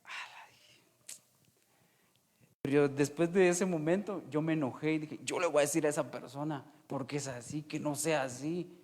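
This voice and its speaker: Guatemalan preacher in a reverberant hall. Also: male voice, on the high side, a little fast. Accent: Guatemalan Spanish. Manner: addresses listeners as "hermano", swings from loud to hushed. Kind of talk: sermon.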